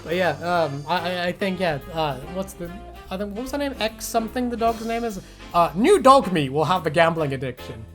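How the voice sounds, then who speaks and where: Speaking fairly quickly in a high-pitched voice with lively intonation, a man reacts to fan predictions on his YouTube channel. It's loose comedic chat full of rambling jokes and free swearing, set over background music.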